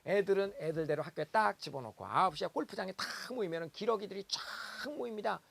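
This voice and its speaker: A man giving a lively seminar lecture, telling stories and acting out the voices of parents. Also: high-pitched, fast, creaky. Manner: animated storytelling, acts out parents' voices, exclaims.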